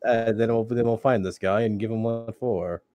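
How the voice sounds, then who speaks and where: A man's voice: on the low side, steady tone, moderate pace, warm tone, lo-fi sound. Man playing a tabletop game, stammering. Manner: puts on gruff foreign accent in character, stammers. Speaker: player. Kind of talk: tabletop role-play chat.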